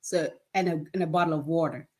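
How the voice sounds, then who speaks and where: Fifty-something woman, lowish voice, plain-spoken and earnest, chatting as a guest. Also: steady tone, fast talker, a little mellow, breathy edge. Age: 50s. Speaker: nonprofit founder, guest. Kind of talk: casual interview answers.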